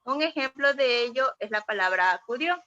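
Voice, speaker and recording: A woman's voice: fairly high pitch, animated, moderate pace, sharp tone. A young woman giving a student class presentation, explaining definitions step by step. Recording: dull lo-fi sound.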